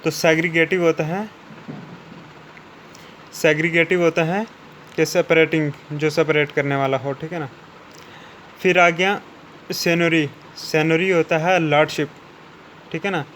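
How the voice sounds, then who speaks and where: Flat-voiced man teaching vocabulary. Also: on the high side, a little hiss or hum, rough recording. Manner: repeats "ठीक है ना" after each point, slows down for English definitions. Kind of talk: explaining word meanings in Hindi.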